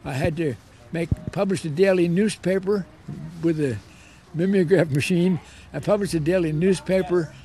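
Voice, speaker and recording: Elderly American veteran remembering, higher-pitched voice. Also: male voice, a little mellow. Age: 80s or older. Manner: old veteran remembering, unhurried storytelling with repetition for emphasis. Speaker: war veteran interviewee. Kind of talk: reminiscing in an interview.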